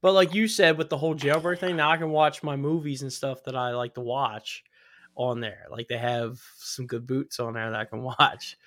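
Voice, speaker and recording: Bright-voiced man rambling casually. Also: medium pitch, steady tone, normal speed. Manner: rambling, repeats himself, laughs often. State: recovering from covid, no smell. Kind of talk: casual chat.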